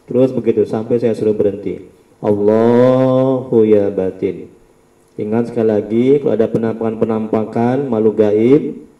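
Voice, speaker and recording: A man leading a healing prayer session, giving calm instructions and chanting slow prayers, recorded from a distance in a room. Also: fairly low pitch, lo-fi sound. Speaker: ruqyah healer. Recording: roomy sound from a distance.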